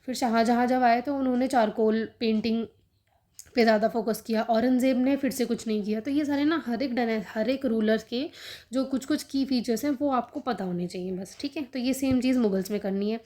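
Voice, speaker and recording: A young woman teaching exam prep in a quick, chatty way, sprinkling in fillers as she explains. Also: fairly high pitch, warm tone. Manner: fast, chatty, frequent "theek hai" fillers. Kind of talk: casual study-guidance talk, Hindi-English mix.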